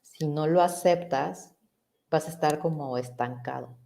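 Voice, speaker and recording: A woman's voice: deep voice, a little slow, gravelly, dark tone. A middle-aged woman psychologist, explaining ideas in a reflective way and asking rhetorical questions. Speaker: psychologist guest. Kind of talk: conversational explanation.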